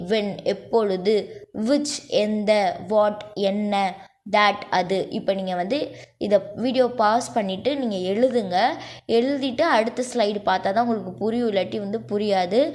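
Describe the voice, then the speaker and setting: A woman teaching a grammar lesson over slides. She explains step by step, checks in with "okay?" and slows down to dictate word lists. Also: mid-range voice, a little mellow. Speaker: English teacher.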